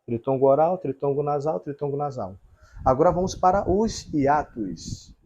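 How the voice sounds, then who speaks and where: A man's voice: fairly high pitch, animated, moderate pace, warm tone, muffled recording, slight background noise. A man teaching a grammar lesson at a whiteboard, explaining step by step and checking in with the viewers.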